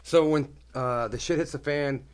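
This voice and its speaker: A man's voice: medium pitch, normal speed. A man in a casual roundtable chat who pushes back bluntly, skeptical and swearing casually.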